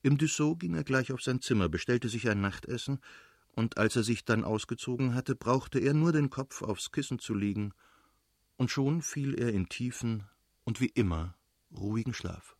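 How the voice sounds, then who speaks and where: A man reading a classic novel aloud as an audiobook narrator in a measured, literary way. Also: medium pitch, expressive, no room sound, studio quality. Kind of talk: scripted narration.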